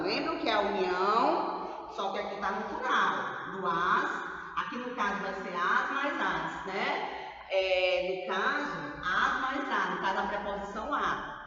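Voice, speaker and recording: A woman's voice: medium pitch, sharp tone. A Brazilian woman teaching a children's grammar lesson, drawing out stressed syllables and checking in with tag questions. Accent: Brazilian Portuguese. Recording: roomy, far from the mic, dull.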